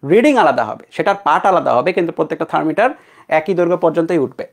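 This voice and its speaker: A man's voice: on the high side, rapid-fire. A young man from Bangladesh teaching an online physics class, talking casually and checking in with his students. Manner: conversational, checks in with students often.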